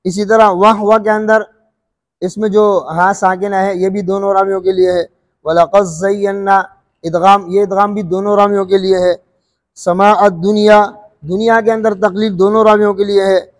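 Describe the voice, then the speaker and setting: High-voiced man teaching recitation, echoey. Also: flat delivery. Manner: slow drawn-out recited examples between explanations; checks understanding with questions. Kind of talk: explaining recitation rules.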